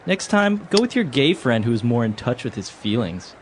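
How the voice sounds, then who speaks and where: Man doing a sarcastic boyfriend, mocking, cutting, mid-pitched voice, scripted dialogue. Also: sing-song, normal speed, slight background noise, lightly acted.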